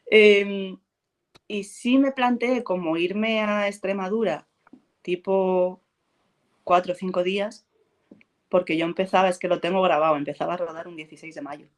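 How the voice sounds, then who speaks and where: At a moderate pace and on the low side, a Spanish actress chats easily through an interview. Laughter comes often as she tells lively stories and acts out the things people said.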